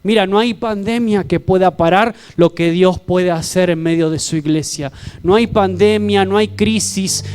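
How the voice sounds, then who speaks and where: Fervent pastor, high-pitched man. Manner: fervent, praying aloud and exhorting the congregation. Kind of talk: sermon. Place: church service. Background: soft keyboard music.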